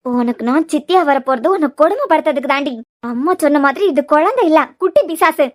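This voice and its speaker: A woman's voice: sits high, animated, fast talker. A woman voicing a jealous, scheming young woman in a cartoon series, muttering spitefully in a Kanyakumari Tamil accent. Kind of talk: cartoon web series voice acting.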